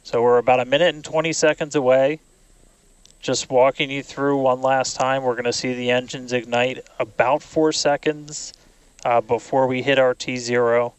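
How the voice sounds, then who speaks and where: A man's voice: medium pitch, clean tone, dry recording, low-quality recording. A man giving live technical commentary on a launch, explaining it informally.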